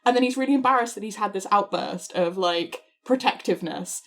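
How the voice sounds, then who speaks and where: A woman's voice: mid-range voice, fairly quick, faint music behind. A woman guest on a casual book podcast, retelling a favorite scene with enthusiasm.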